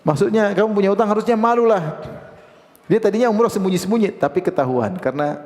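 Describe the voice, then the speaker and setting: A man's voice: high-pitched, fast, in a large hall. A man giving an Islamic lecture, telling stories and acting out the voices of the people in them. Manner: lively storytelling, acts out quoted voices. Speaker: preacher.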